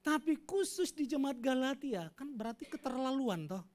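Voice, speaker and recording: A man's voice: very high-pitched, animated, moderate pace. A man preaching a Sunday sermon as pastor, conversational and emphatic, leading the congregation in reading aloud together. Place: church service with congregation.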